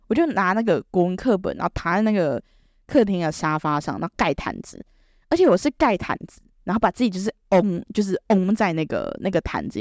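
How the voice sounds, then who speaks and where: A young woman telling a comic story about herself to camera, animated and self-mocking, full of quick restarts. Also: lowish voice, no echo, clean studio sound. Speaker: vlogger.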